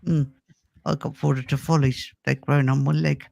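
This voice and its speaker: A man's voice: on the high side, level tone, moderate pace, creaky, darkish tone, dry recording. Rambling playful man hosting a comedy stream. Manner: rambling, playful wordplay, stammering restarts. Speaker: comedy show host. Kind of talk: casual banter.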